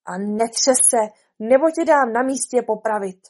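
A woman's voice: a little high, expressive, a little mellow. A woman voicing a stern, pompous old king who sits as judge and threatens the witnesses. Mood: commanding.

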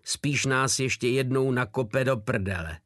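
A man's voice: medium pitch, a bit bright, no room sound, clean studio sound, natural voice. A man doing a bitter, scornful convict soldier. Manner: shrieking, scornful.

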